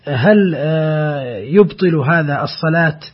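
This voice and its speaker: Husky male radio host speaking formal Standard Arabic. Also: on the high side. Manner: formal, measured delivery in classical Standard Arabic. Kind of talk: formal Standard Arabic radio presenting, reading out listeners' letters. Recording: dull, lo-fi radio recording.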